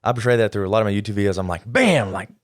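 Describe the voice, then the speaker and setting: A man hosting a casual podcast interview in a studio, energetic and encouraging, talking in quick bursts. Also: fairly low pitch, dry recording. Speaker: podcast host. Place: podcast studio, in person with guest. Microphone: studio microphone.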